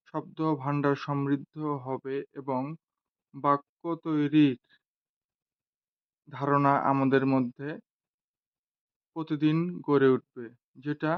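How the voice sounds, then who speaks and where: Guy teaching a beginner class, talks real slow, fairly high voice, goes letter by letter. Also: clear, resonant tone, lo-fi sound. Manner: deliberate, spelling out letters one by one. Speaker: French teacher. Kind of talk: slow, measured language lesson.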